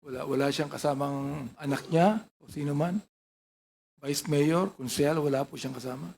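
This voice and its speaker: A man's voice: on the high side, fairly even intonation, moderate pace, creaky, darkish tone. A man questioning a witness at a formal hearing, pointed and probing.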